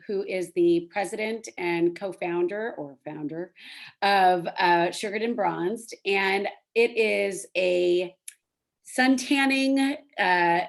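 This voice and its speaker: A woman with a mid-pitched voice hosts an informal interview show. She is effusive and complimentary, and builds her sentences loosely as she introduces and questions a guest. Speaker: podcast host, interviewer. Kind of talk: casual podcast interview.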